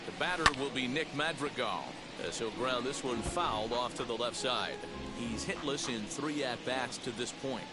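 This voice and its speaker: A man calling baseball play-by-play in a brisk, scripted video game commentary style. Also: mid-range voice, loud music behind the voice. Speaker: play-by-play announcer.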